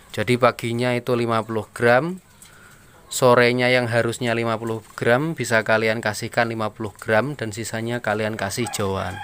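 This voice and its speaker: A rabbit farmer, explaining feed tips to viewers in a relaxed, friendly vlog. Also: male voice, medium pitch, slight background noise. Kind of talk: casual how-to vlog. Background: birds and chickens.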